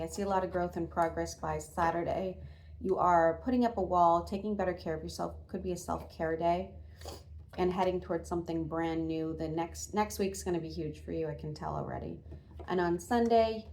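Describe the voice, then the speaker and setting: A woman's voice: lowish voice, a little mellow, slight background noise. A woman tarot reader giving a casual reading straight to her viewers, chatty and full of fillers and restarts.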